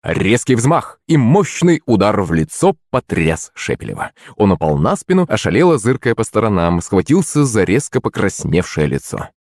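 Man, audiobook narration, expressive, lower voice, dry close mic. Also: moderate pace, hardly any pauses, no echo. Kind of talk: scripted narration.

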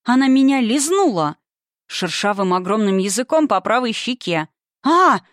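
A woman's voice: medium pitch, expressive, moderate pace, no echo. Female audiobook narrator, suspenseful first-person read, dry.

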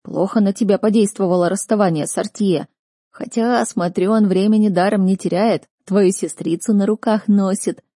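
A woman's voice: mid-range voice, steady tone, normal speed, mellow, no echo, studio quality, close to an everyday voice. A woman voicing a taunting young male student who mocks a girl, in an audiobook.

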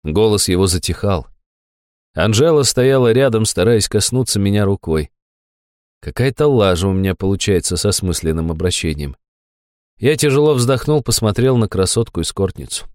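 A man narrating a first-person audiobook with wry, deadpan asides. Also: fairly low pitch, moderate pace, dry recording, studio quality.

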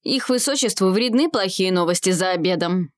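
A woman voicing a menacing, growling panther-like male dark mage in a storybook. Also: lowish voice, animated, a little fast, dry recording, studio quality, close to an everyday voice.

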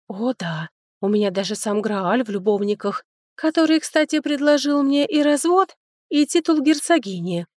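A female audiobook reader voices a sharp-tongued, touchy young noblewoman, a younger sister, lifting her voice noticeably above the narration and edging it with mockery. The character is sarcastic, animated, biting and quick to snipe, in a dry, close recording with no room sound or echo.

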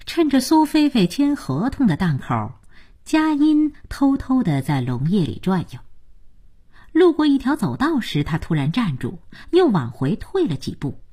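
Woman storyteller: husky, expressive audiobook narration. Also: on the high side, unhurried.

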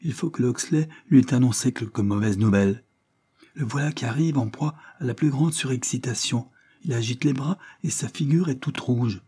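A man voicing an anxious young woman who speaks in a hushed, worried way. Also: mid-range voice, normal speed, slightly rough, voice pushed up, close to an everyday voice.

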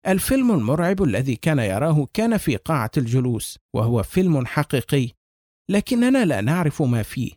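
A man's voice: fairly high pitch, big pitch swings, a little fast, a little mellow, dry recording, studio quality. A man voicing a seasoned police lieutenant colonel who reasons grimly and plainly through a death. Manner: grim, matter-of-fact reasoning.

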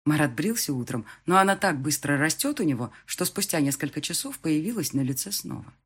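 A woman narrating a first-person audiobook in an expressive, animated way. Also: low-pitched, a little fast, breathy edge.

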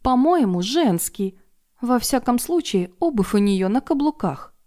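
A woman voicing an indignant, sharp-tongued middle-aged woman who talks loudly and sarcastically. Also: fairly high pitch, big pitch swings, measured pace, pitched above the performer's own voice. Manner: loud, exasperated and sarcastic.

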